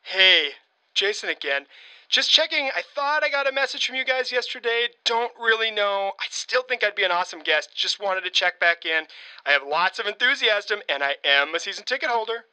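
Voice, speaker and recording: A man's voice: high voice, lively intonation, brisk, pushed and bright, clear, resonant tone, no echo, heavily acted, poor audio. A man voicing an overeager, pushy local booster who leaves rambling, pleading voicemail messages in a comedy sketch. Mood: eager. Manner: rambling, pleading, awkwardly persistent. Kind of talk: leaving a string of voicemail messages.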